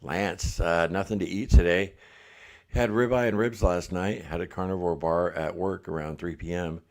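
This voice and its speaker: A middle-aged livestream host chats and reads through comments in a low, gravelly voice at a normal pace. Relaxed and chatty, he laughs often, though he's slightly congested and dealing with a blocked ear.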